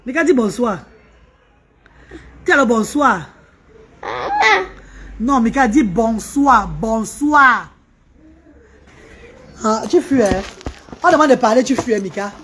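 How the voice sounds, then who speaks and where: Animated woman chatting on a live stream. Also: on the high side, takes it slowly, pauses often. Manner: animated, coaxing a child between remarks to viewers. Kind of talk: casual live-stream chat with viewers.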